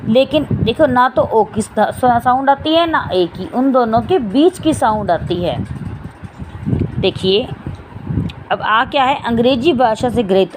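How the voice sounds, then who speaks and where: Woman teacher, fairly high voice, drawn-out example sounds, noisy recording. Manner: asks questions and answers them herself; says vowel sounds aloud, drawn out. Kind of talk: classroom lesson.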